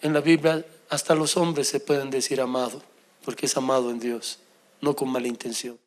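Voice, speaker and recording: A middle-aged man preaching an emotional sermon as pastor, swinging between loud exclamations and soft confessional tones. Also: mid-range voice, flat delivery, normal speed.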